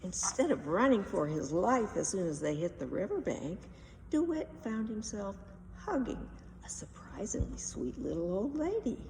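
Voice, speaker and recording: A woman with a warm, mid-range, sing-song voice reads from a children's storybook at a normal speed, giving it dramatic emphasis. The sound is echoey and distant, like a hall recording, with a faint hiss of noise.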